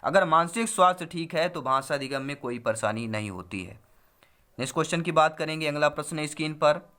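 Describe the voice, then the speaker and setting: A man's voice: fairly high pitch, expressive, a little fast, sharp tone. A man teaching a Hindi exam-prep lesson, walking through answers step by step and repeating key phrases.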